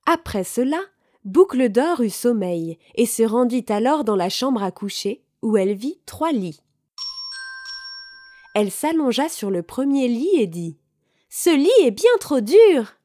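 A woman reading a children's story aloud, slowly and expressively, with clear articulation. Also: fairly high pitch, lively intonation, darkish tone, a little hiss or hum.

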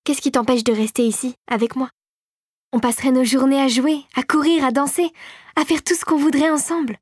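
A woman's voice: high voice, fairly even intonation, fairly quick, husky, no echo, studio quality, voice pushed up. A woman doing a sweet, playful young fairy. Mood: affectionate. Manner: eager, pleading, lightly teasing. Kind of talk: storybook reading.

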